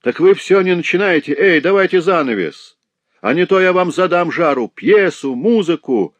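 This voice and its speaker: A man voicing a cruel, mocking lame street boy who shouts shrill taunts in an audiobook. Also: big pitch swings, measured pace, dry recording.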